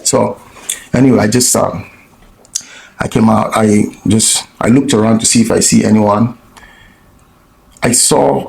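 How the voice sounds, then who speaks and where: A man's voice: medium pitch, vocal fry, reverberant, slight background noise, rough recording. A man vlogging, telling a story in a blunt, profane way with lots of restarts. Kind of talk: casual storytelling monologue.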